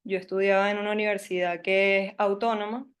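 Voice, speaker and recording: A young woman from Caracas with a Venezuelan Spanish accent tells her life story at a workshop, speaking at a medium pitch with flat delivery and a slightly fast pace. She sounds hesitant and nervous, with many fillers.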